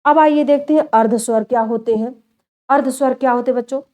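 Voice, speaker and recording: Female teacher, slightly high voice, mellow and dark, patient repeating explainer. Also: fast, highs cut off. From India. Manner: explains step by step and repeats key terms, addressing students as children. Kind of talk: classroom lecture.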